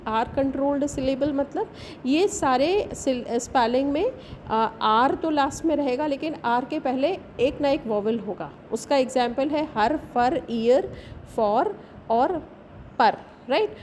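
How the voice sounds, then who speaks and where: A woman's voice: sits high, expressive, measured pace, a little mellow, a little hiss or hum. A woman teacher, explaining a bilingual lesson step by step and often checking with "right?". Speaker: English teacher.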